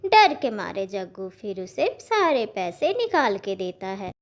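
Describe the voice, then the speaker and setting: A woman narrating a children's cartoon story in a plain, measured way. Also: mid-range voice, big pitch swings.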